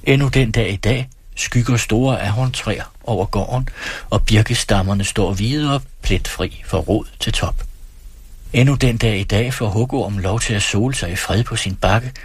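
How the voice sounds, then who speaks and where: A man reading a novel aloud in a measured storytelling manner. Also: fairly low pitch, slightly rough, dry recording. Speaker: reader.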